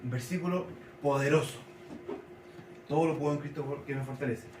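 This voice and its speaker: Pastor guy teaching a sermon, slow, repeats words, kinda far off in an echoey church. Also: a little high, background noise. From Chile. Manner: slow, repeats and spells key words for a congregation. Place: church hall. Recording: echoey church hall, mic at a distance.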